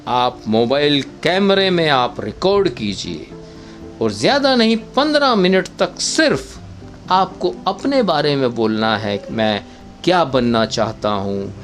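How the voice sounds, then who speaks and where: A man giving viewers step-by-step acting advice in an unhurried, instructive way, often calling them friends. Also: mid-range voice. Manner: demonstrates dialect voices in short quotes. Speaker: travel vlogger giving acting tips.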